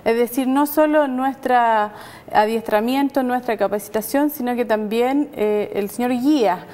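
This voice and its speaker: A woman's voice: a little high, moderate pace, warm tone, long reverb tail. A middle-aged Chilean woman, a nurse, talking on a faith program and leading a prayer, hesitant and full of filler sounds and tag questions. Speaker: nurse and guest.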